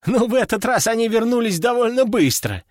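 A man's voice: very high-pitched, expressive, fairly quick, dry recording, clean studio sound, voice pushed up. A man voicing a chatty, amused army major in a raised, wry voice.

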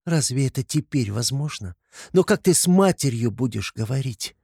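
A man's voice: mid-range voice, animated, normal speed, creaky, a little mellow, husky, no room sound, studio quality, pitched above the performer's own voice. A man voicing a desperate, pious young woman who pleads and exclaims fervently in a storybook reading. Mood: anguished.

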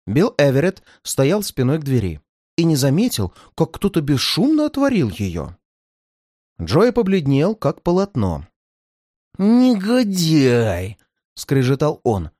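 An audiobook narrator with a lively, expressive reading voice that rises and falls over a very wide range. The recording is dry and close, with no room sound. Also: mid-range voice, a little slow, no room sound.

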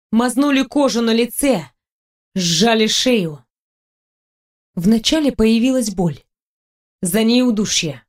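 Woman narrating a fantasy audiobook. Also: mid-range voice. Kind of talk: scripted first-person fantasy narration.

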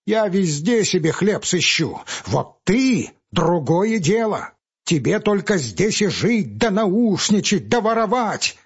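A man voicing a young, hot-tempered male village medic who shouts indignant reproaches, on a husky, lo-fi audiobook recording. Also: sits high, very animated, slow, voice pushed up, full character voice. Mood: defiant.

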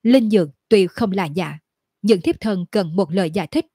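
A woman's voice: medium pitch, moderate pace, warm tone, slightly rough, no echo, clean studio sound, lightly acted. A woman voicing a cold, scheming female demon elder who speaks in an icy tone.

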